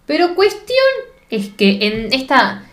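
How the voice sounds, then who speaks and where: A woman's voice: high voice, very animated, takes it slowly, fairly bright tone, roomy sound. A young woman with an Argentine Rioplatense accent in a casual, slangy chat, retelling film scenes as a co-host.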